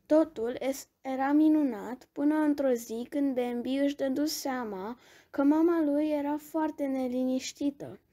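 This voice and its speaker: Woman reading a kids bedtime story, highish mellow voice, gentle, trips a bit now and then. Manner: gentle, expressive, with small restarts.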